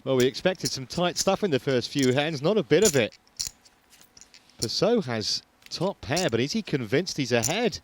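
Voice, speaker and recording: A man's voice: on the high side, animated, moderate pace, noisy background. Dry male play-by-play poker caller. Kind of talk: play-by-play tournament commentary.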